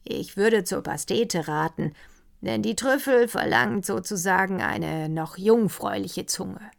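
A woman's voice: mid-range voice, a little slow, gravelly. A woman reading an audiobook, voicing a composed, ironic count who tells a story.

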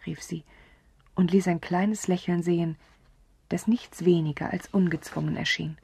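A woman narrating a story in a soft, breathy whisper, calm and measured, close to the mic. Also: fairly low pitch.

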